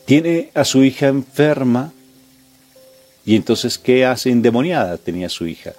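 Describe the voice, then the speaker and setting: Emphatic preacher man, dark voice. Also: mid-range voice, sing-song, normal speed, soft background music. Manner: emphatic, repetitive rhetorical questions. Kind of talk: sermon.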